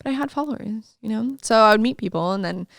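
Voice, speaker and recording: A young adult woman chatting as a podcast guest, telling lively stories and acting out the voices of others. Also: a little high, fast, vocal fry, no echo, studio quality. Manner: lively storytelling, acts out quoted voices, laughs often. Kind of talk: casual interview chat.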